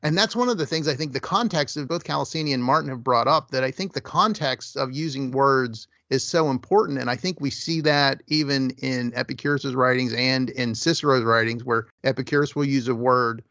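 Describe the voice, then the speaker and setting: A man's voice: mid-range voice, a little fast, few pauses, sharp tone, no echo. Thoughtful man explaining in a dry, muffled recording. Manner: thoughtful, explanatory, with verbal hedges. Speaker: podcast co-host. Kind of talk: casual discussion.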